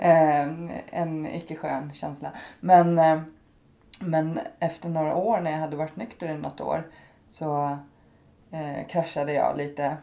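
A woman in her thirties hosting a podcast, speaking in a thoughtful, hesitant way as she feels her way through her points. Her voice is fairly low and has a mellow, warm tone. She speaks in a casual conversational style. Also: fairly even intonation, gravelly. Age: 30s. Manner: thoughtful, hesitant, many fillers and restarts. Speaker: podcast host.

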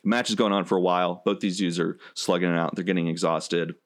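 Deep-voiced man recapping a wrestling match. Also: brisk. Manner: animated storyteller, many fillers. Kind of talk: casual chat, retelling a match.

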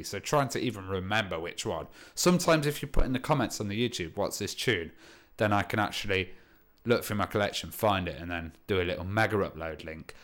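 Man, lowish voice, DJ show host, casual livestream chat, informal rambling explanations, headphones used as mic. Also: fairly bright tone. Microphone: headphones used as a microphone.

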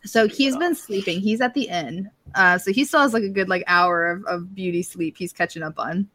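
A woman's voice: medium pitch, moderate pace, bright, forceful tone. A woman running a tabletop game as game master, narrating casually with fillers.

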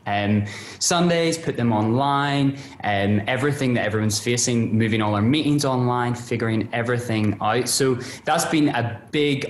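Man on an echoey video call. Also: mid-range voice. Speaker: podcast guest. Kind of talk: casual conversational account.

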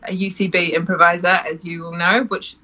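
A woman's voice: lowish voice, flat delivery, a little fast, bright, forceful tone, lo-fi sound. A woman who teaches improv, chatting casually, laughing often and acting out quoted lines. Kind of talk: casual podcast chat.

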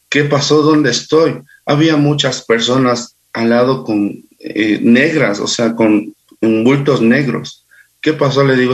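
A man guest recounting personal experiences in a halting, unhurried way. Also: mid-range voice, highs cut off. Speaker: interview guest. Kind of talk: personal storytelling.

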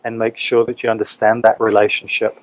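A man's voice: lowish voice, completely flat delivery, brisk, muffled recording. A man from New Zealand talking casually as a guest in an interview. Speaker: interview guest, English teacher.

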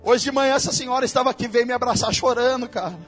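High-voiced Brazilian preacher. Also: male voice, rapid-fire, fairly bright tone, husky, soft background music. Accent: Brazilian Portuguese. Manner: casual, slangy preaching that addresses listeners directly. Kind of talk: sermon. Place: church.

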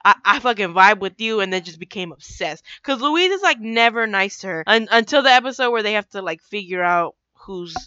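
A woman's voice: mid-range voice, brisk, hardly any pauses, clear, resonant tone, no echo. A young woman in casual chat, swearing freely and acting out scenes as she retells them. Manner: animated, swearing, acts out quotes. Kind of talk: casual chat about a cartoon. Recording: dry, dull lo-fi sound.

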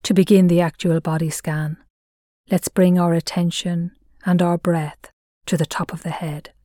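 Her voice fairly low and her delivery flat, a woman narrates a guided mindfulness meditation gently and soothingly, at a measured pace. Phrases trail off into breath, separated by long pauses, in a dry, studio-quality recording.

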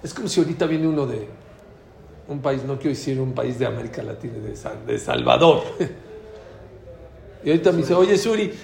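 A man with a Mexican accent telling a story in a talk, acting out the dialogue with lively changes of voice. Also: medium pitch, brisk, gravelly, long pauses, slight background noise. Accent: Mexican Spanish. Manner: animated, acts out quoted dialogue. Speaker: speaker giving a talk. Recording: echoey room.

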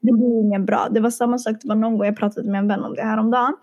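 Woman, casual chat, slightly high voice, animated storyteller, quoted dialogue, English and Arabic phrases. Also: dull audio.

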